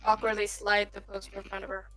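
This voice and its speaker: A woman's voice: medium pitch, monotone, quick pace, a bit bright. Amused woman describing her moves. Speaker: player. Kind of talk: tabletop role-play, describing actions.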